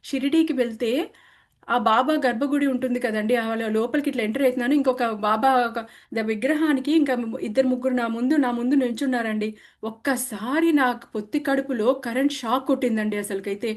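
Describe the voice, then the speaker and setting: A woman from India shares her own spiritual story in an earnest, conversational way. Her voice sits a little high, and she often breaks off mid-word to start again. She sprinkles English words through her talk. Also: brisk. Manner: earnest, full of restarts and cut-off words, mixes English words into Telugu. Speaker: meditation practitioner sharing her experience. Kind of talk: personal testimony, conversational.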